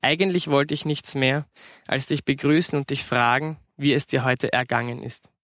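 A man's voice: mid-range voice, fairly even intonation, normal speed, a bit bright, natural voice. A worn-out working mother with a dry, weary way of speaking, as a male narrator voices her. The voice stays in a middle register, close to his own. Recorded dry with no room echo. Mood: exasperated.

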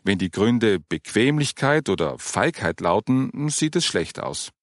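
A man voicing a patient woman who explains matters of faith, in an earnest, gentle manner. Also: lowish voice, very animated, unhurried, dry recording, studio quality. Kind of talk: audiobook character reading.

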